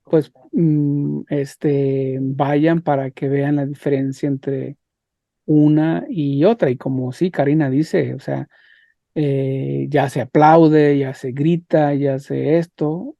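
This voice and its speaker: A man teaching an online religion class, talking haltingly with repeated words and rhetorical questions. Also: on the high side, level tone, gravelly, dark tone, no echo, muffled recording. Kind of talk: leading an online class discussion.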